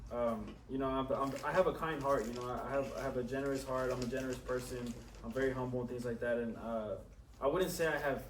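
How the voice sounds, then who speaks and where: A man in his twenties on a podcast, talking earnestly in halting phrases with many restarts. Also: mid-range voice, fairly even intonation. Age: 20s. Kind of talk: casual chat. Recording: echoey room, distant mic, faint noise.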